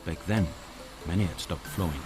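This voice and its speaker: Very deep-voiced man, nature documentary narration. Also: moderate pace, over music. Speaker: wildlife filmmaker.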